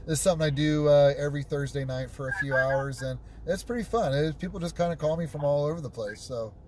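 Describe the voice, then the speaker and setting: A man talking casually from inside a moving car as he hosts a live call-in show. His voice sits a little high for a man, and he trips over his words and repeats them while reading viewer comments. A faint hiss runs under the recording. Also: fast. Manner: repeats words and restarts often.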